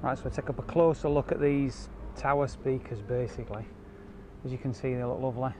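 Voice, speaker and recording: A car audio installer walks through a product in a casual, explanatory way, his medium-pitched voice steady, brisk, and mellow. He is filmed on a handheld camera in an outdoor car park and inside a car, with clear ambient noise behind him.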